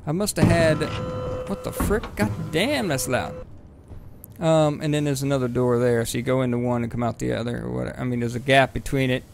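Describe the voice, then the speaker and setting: A man giving rambling, casual let's-play commentary on his game, swearing freely and breaking into excited bursts. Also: medium pitch, fairly quick, creaky, over music. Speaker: gaming video host.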